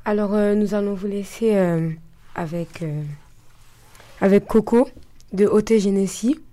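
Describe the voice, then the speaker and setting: A woman's voice: medium pitch, unhurried, mellow. A woman presenter announcing the next item casually, hesitating with many fillers.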